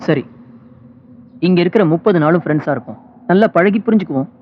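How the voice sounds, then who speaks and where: An actor playing an earnest, persistent young man who talks softly as he pleads his case. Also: high voice, lively intonation, fast, a little hiss or hum. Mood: persuasive. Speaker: film hero. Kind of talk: romantic film dialogue. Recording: dull film soundtrack with loud music.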